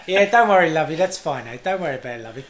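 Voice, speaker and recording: A man's voice: a little high, expressive, racing, roomy sound, close to an everyday voice. A man voicing an easygoing middle-aged fence installer, who speaks in a soothing, cheery way. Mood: reassuring. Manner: cheery, soothing, repeats "lovey".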